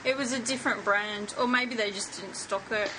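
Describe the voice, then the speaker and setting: A woman's voice: mid-range voice, moderate pace, sharp tone, a little hiss or hum, poor audio. A woman hosting a casual chat, laughing often and teasing her guests.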